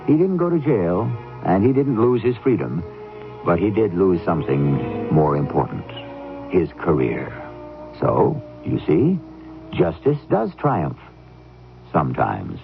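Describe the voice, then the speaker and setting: A tinny radio broadcast with music behind a male host. His low voice is very expressive, theatrical and wry, with dramatic pauses in scripted narration. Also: gravelly. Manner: theatrical, wry, pausing for effect.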